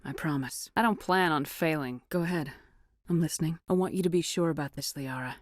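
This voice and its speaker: Tough lady space commander for a game, low voice, blunt and controlled, really dry close sound. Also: fairly quick, no room sound. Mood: gentle, reassuring. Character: resolute, blunt adult female military space commander. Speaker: voice actor for a game's lead character. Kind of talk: scripted game dialogue.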